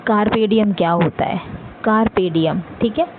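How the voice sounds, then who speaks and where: A woman teaching literary terms for exams in Hindi and Indian-accented English, speaking fast, repeating each point and checking that students follow. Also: medium pitch. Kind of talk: exam-prep lecture in Hinglish. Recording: tinny phone-like audio with clear background noise.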